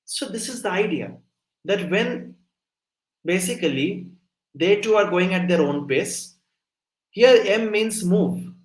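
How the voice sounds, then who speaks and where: A young man with a high voice teaches coding live online, taking it slowly with frequent pauses and an expressive delivery. He explains step by step and keeps asking if listeners follow, though the audio is poor and reverberant.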